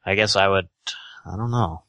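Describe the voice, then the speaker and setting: A man with a Utah accent giving casual, halting, tentative answers as an interview guest. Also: deep voice, bright, forceful tone, dry recording, muffled recording.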